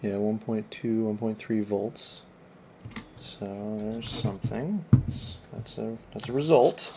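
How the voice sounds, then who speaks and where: A creaky-voiced host of an electronics repair video mutters casual, off-the-cuff commentary over loud noise. His medium-pitched voice moves slowly as he rambles and thinks aloud. The recording is noisy and has clicks.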